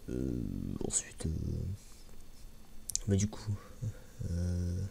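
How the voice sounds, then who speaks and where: An ASMR creator with a very low, gravelly voice hosts a casual, unscripted review, speaking softly and sometimes near a whisper, yet expressively. He halts often, with frequent repeats and filler pauses. His mic is held a little away, so the sound is slightly muffled with some background noise.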